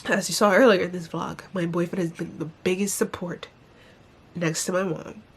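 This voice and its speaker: A woman's voice: on the low side, fairly even intonation, moderate pace, slightly rough. A young adult woman with a congested, blocked-nose sound, talking candidly and informally in a casual personal vlog, complaining with some mild swearing. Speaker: vlogger.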